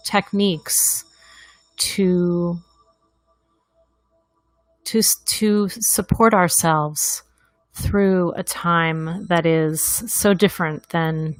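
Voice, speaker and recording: With long pauses between phrases, a woman guides a meditation in a gentle, deliberate way. Her voice sits on the low side, and there's no echo.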